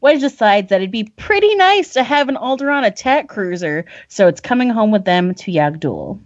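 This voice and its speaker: A woman podcast host recapping a story in casual chat, animated and laughing often. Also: medium pitch, moderate pace, dry recording, highs cut off. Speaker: podcast host summarizing a book.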